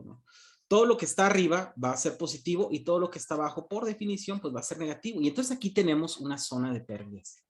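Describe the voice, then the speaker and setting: Joking teacher lecturing online. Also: male voice, fairly high pitch. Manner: joking, asks questions and answers them himself. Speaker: university economics teacher.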